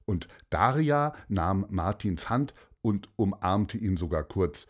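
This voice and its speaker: A man narrating a children's story aloud, with expressive storytelling. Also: deep voice, slow pace.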